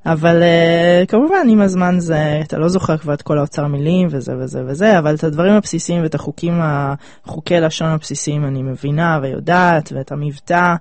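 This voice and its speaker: A woman in her twenties with an Israeli accent, chatting casually and pausing mid-sentence as she thinks. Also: sits low, darkish tone, no room sound. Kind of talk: casual chat.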